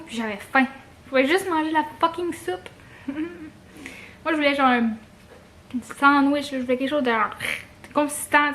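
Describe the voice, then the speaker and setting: In a voice that sits high, a young woman with a Quebec French accent vlogs a personal story straight to camera. It's relaxed and expressive, with slang, swearing and English mixed in.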